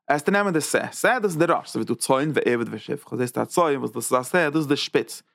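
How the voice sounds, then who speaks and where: A man delivers a Torah lecture, his voice gravelly and his pitch in a middle range. He often repeats phrases and checks in with listeners through short "ja?" asides. The recording sounds dry and close. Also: a bit bright, no echo. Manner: tags points with quick "ja?" checks; repeats and restarts phrases while building an idea. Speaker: rabbi teaching Zohar.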